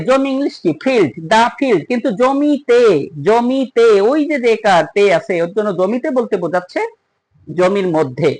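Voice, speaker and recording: Teacher, grammar lesson, mid-pitched voice, step-by-step, slow on examples. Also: rough recording. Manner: explains step by step and asks the listener questions; slows down to stress English example sentences. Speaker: English teacher.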